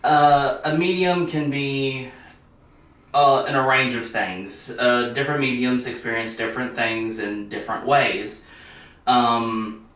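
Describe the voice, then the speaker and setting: A young man who is a medium appears as a guest on a casual podcast interview, earnestly explaining things at length. His mid-range voice is steady, slow, and a bit bright. The recording is very echoey, with a distant mic.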